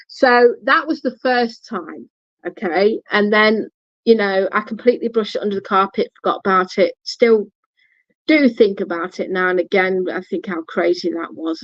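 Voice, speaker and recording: A woman's voice: mid-range voice, no echo. A woman casually telling a personal story in a blunt way and swearing freely. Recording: dull lo-fi recording.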